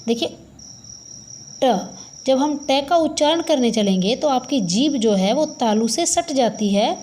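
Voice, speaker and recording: A woman teaching a Sanskrit lesson to students, explaining slowly and patiently and often calling them "beta". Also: sits high, lively intonation, darkish tone, a little hiss or hum. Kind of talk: classroom-style lesson.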